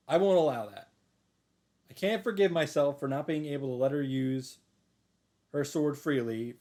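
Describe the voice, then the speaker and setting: Reading a visual novel's first-person narration aloud, a man sounds earnest and dramatic and stops to comment as he goes. His voice leans high and a little mellow, and game music plays underneath.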